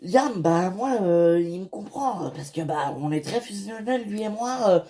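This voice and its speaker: A woman voicing a soft-spoken father in a toy-figure series, mumbling and repeating himself hesitantly. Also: fairly low pitch, animated, measured pace, voice pushed up. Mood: doting.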